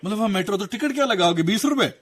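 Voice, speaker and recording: A male radio host with a high voice who keeps the banter rolling, teasing his callers and laughing a lot. Music plays under the talk of the broadcast. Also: expressive, rapid-fire. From Pakistan. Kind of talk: lively radio show banter.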